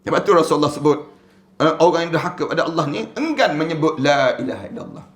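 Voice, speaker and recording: A man with a Malaysian accent preaching a sermon, animated and full of rhetorical questions. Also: on the high side, fast. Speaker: Islamic preacher.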